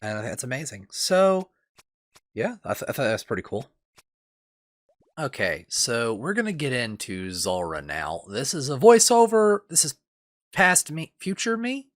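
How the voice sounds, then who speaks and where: A man's voice: mid-range voice, sharp tone, dry recording. A man with a lingering cough talks over his gameplay as a voice-over, rambling and self-deprecating, with lots of fillers and restarts. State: lingering cough, itchy throat. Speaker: gaming channel host.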